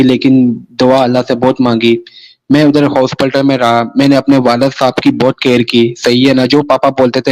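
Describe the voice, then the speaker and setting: Speaking with a medium-pitched, darkish voice over poor audio, a man from Pakistan recounts his personal story as an interview guest. He rambles, restarts his phrases, and repeats "sahi hai na" again and again.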